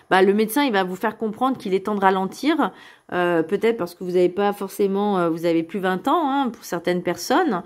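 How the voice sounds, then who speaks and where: An earnest middle-aged woman with a fairly high voice reads spiritual guidance cards aloud for the week ahead. She speaks reassuringly and directly to her viewers, often pausing and hesitating as she goes. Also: darkish tone. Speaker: card reader giving a weekly guidance. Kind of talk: spiritual card reading, casual monologue.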